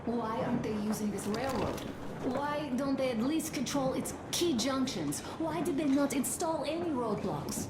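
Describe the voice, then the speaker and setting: A woman playing a tender, pensive young wife who talks softly and intimately to her husband in a video game. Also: high-pitched, lively intonation, normal speed. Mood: puzzled. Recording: game audio with clear background noise.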